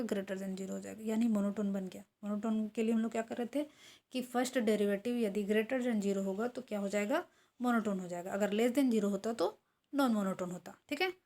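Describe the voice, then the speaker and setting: Woman lecturer, lesson, mellow tone, fairly high voice, talks through each step. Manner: talks while writing, asks and answers own questions. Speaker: economics teacher.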